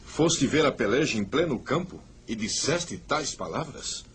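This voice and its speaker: A man's voice: mid-range voice, animated, unhurried, fairly bright tone, slight background noise. An actor playing an anxious, commanding older king in a radio play, solemn and theatrical. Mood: grave, worried. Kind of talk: dramatized radio play acting.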